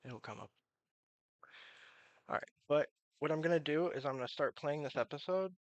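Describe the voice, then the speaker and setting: A man chats casually on a live stream in a gravelly, fry-laden voice. His words are soft-edged and slurred from missing teeth. He meanders and trails off between thoughts, and the sound is dry, with little room to it. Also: on the high side, expressive, normal speed, dry recording, highs cut off. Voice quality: slurred, toothless articulation. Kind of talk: casual rambling stream chat.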